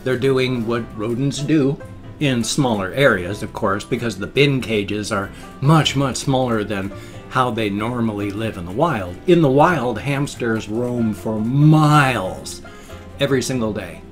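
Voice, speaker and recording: A man's voice: on the low side, normal speed, faint music behind. A man chatting casually and ramblingly to a webcam at home, slightly slurring his words around loose, ill-fitting dentures. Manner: rambling, repeats and rephrases himself. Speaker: vlogger showing pet hamsters. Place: indoors, a room at home. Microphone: webcam setup.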